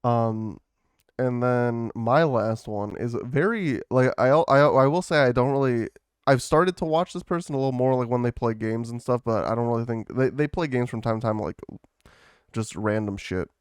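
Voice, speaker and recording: A man's voice: mid-range voice, normal speed, clear, resonant tone, no room sound, clean studio sound. A man co-hosting a podcast, chatting casually and rambling with lots of fillers and swearing. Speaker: podcast co-host. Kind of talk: casual chat.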